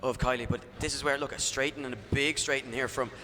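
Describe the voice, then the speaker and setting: A man commentating live on drift racing as a motorsport commentator, moving between excited calls and analysis. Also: mid-range voice, fast talker. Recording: loud engine and vehicle noise outdoors.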